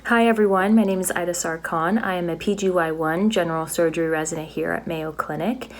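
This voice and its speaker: A woman's voice: fairly low pitch, fairly even intonation, a little fast. A young woman from California, a first-year surgical resident, giving an earnest recorded testimonial. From California, USA. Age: young adult.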